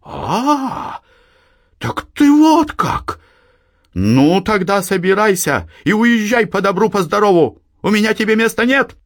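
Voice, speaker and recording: A man's voice: high-pitched, big pitch swings, slow pace, dry recording, clean studio sound, pitched above the performer's own voice, exaggerated voice. Man doing a scolding old village mum, voice pushed way up, swings all over. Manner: scolding, shouting reproaches. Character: older peasant mother, scolding, shrill and tearful. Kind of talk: audiobook reading.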